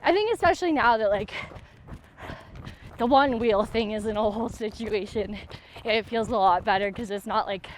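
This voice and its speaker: A woman's voice: mid-range voice, normal speed, slight background noise. A woman talking casually while running outdoors, in an informal, hesitant way full of fillers. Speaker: athlete and vlog host. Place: outdoors, on a run.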